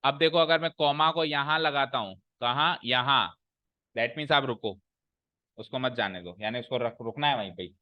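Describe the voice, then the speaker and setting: A man's voice: mid-range voice, moderate pace, no room sound, lo-fi sound. Man teaching grammar to a class. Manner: explains by repeating and asking the class questions. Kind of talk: classroom lecture.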